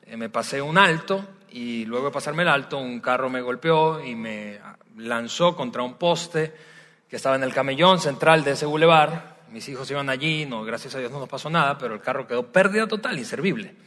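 Bright-voiced pastor in a reverberant church. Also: male voice, mid-range voice, moderate pace. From Venezuela. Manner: warm, conversational storytelling with frequent hesitations. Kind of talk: sermon. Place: large church hall. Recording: long hall reverb from a large church.

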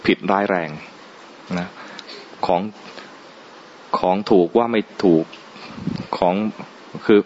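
A man's voice: low voice, slow pace, long pauses, darkish tone, a little hiss or hum. A man giving a conversational Buddhist dhamma talk, often asking his listeners questions and chuckling. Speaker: Buddhist monk teaching dhamma. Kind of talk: dhamma talk to a live audience. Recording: dull lo-fi recording, faint ambience.

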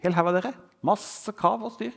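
In a church hall with noticeable reverb, a male pastor preaches, his voice rising and falling as he quotes scripture. It sits high and sounds gravelly and fairly bright.

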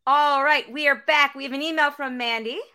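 A woman co-hosting a podcast in casual chat, talkative and quick to laugh. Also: high voice, fairly even intonation, sharp tone. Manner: chatty, laughs often. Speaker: podcast co-host.

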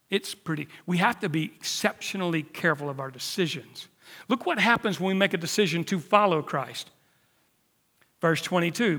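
Pastor, late fifties, slightly high voice, emphatic with hushed drops, long hall reverb. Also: male voice, husky. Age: 50s. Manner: emphatic preaching, dropping to near-whispers for emphasis. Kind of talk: sermon.

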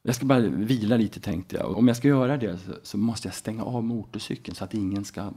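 A middle-aged man from Sweden, a podcast guest, telling a story in a relaxed, halting way with frequent tag questions. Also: fairly low pitch, slightly rough. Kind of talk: casual storytelling.

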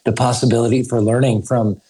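A school research director raised in Idaho appears as a guest in a podcast interview, speaking earnestly and thoughtfully and often restarting his sentences. His voice is medium in pitch with little pitch movement, a little fast, warm, and edged with breath.

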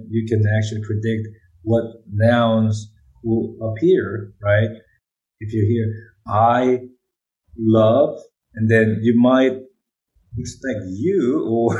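A man whose first language is Korean answers interview questions about brain research in Korean-accented English, explaining things and often checking in with "right?" His voice is mid-range and darkish, and the recording quality is low.

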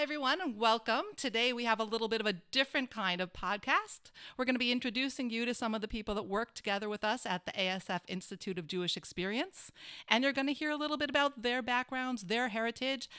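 A woman's voice: a little high, pushed and bright, clean tone, dry recording, studio quality. A woman hosting a podcast, friendly and upbeat as she introduces her guests. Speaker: podcast host. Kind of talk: casual conversation.

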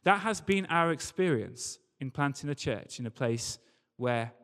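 A church preacher with a somewhat high, slightly bright voice speaks animatedly but without hurry, emphatically addressing the faithful. His sermon is built on repetition and rhetorical questions, and the room has a strong hall echo.

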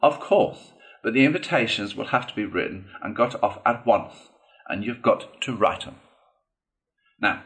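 A man voicing a stern, gruff old male badger in a storybook reading, firm and scolding. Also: medium pitch, fairly bright tone, rough recording. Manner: firm, scolding, matter-of-fact.

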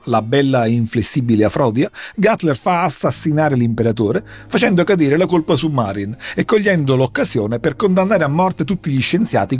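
A man's voice: a little high, husky. A man recounting a long story in a casual chat, telling it with dramatic flair. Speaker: podcast host recounting an anime plot.

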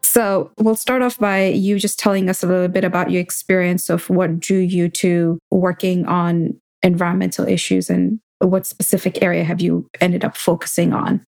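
A woman's voice: fairly low pitch, level tone, normal speed, gravelly, few pauses, darkish tone, dry recording. A woman hosting an interview podcast, reading an enthusiastic intro before talking with her guest. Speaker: podcast host.

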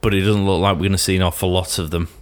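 A man with a very deep voice co-hosts a casual podcast, talking through a TV episode. He is dry and wry, and speculates at length. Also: little pitch movement, very fast. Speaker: podcast co-host. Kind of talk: casual chat reviewing a TV episode.

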